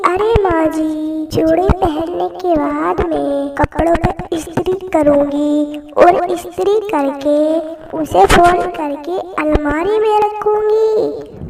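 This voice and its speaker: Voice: very high-pitched, slow, vocal fry, heavily acted. A voice doing a whiny tearful young daughter-in-law. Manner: whiny, crying tone. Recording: distant, roomy, noisy.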